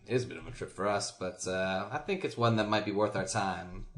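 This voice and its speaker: A man's voice: low-pitched, fairly quick. A man playing in a tabletop game, easygoing and playful. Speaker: player. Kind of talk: tabletop role-play chat. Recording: roomy echo.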